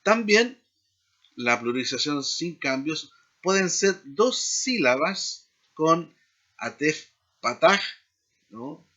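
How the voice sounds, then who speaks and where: A man teaching a seminary class in a slow explanatory lecture, often checking in with tag questions. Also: fairly high pitch, very animated, fairly bright tone, dull audio. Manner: frequent tag questions, deliberate pacing.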